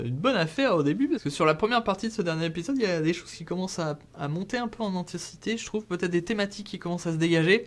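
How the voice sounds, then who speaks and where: A man from France giving a casual, joking spoken review of TV series, talking in slang and turning often to his viewers. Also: fairly high pitch. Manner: animated, slangy and joking, with frequent asides to viewers.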